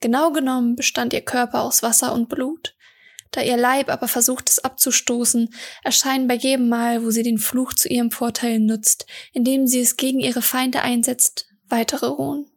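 A woman narrating her own fantasy audiobook in a calm, even storytelling manner. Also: fairly high pitch, normal speed, slightly rough.

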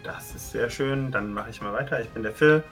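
A man's voice: mid-range voice, brisk, fairly bright tone, faint music behind. A man in his thirties from Germany, co-hosting a casual podcast and often restating himself as he rambles. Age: 30s. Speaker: podcast co-host.

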